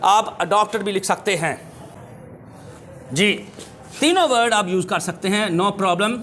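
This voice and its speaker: A man with a Pakistani accent teaching a school English lesson, repeating each phrase slowly and reading English lines deliberately. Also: high voice, animated, fairly bright tone, slight background noise. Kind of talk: exam-prep lesson for schoolchildren.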